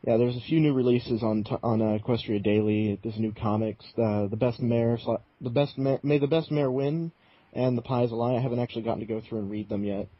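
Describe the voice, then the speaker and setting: A man's voice: mid-range voice, fairly even intonation, fairly quick, no room sound. A man co-hosting a casual podcast, laid-back and joking, reading out news items. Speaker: podcast co-host. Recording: muffled lo-fi recording.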